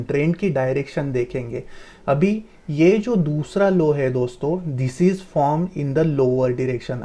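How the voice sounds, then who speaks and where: Patient, mellow-voiced male chart tutor. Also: a little high. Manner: explains patiently, repeats terms, often says "dosto"; mixes English terms into explanations. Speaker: trading instructor. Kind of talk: screen-recorded chart tutorial.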